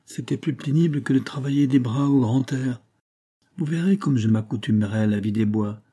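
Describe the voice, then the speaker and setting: A man's voice: medium pitch, moderate pace, warm tone, pitched above the performer's own voice, lightly acted. A man voicing a proud, determined young girl in an audiobook, speaking earnestly and resolutely.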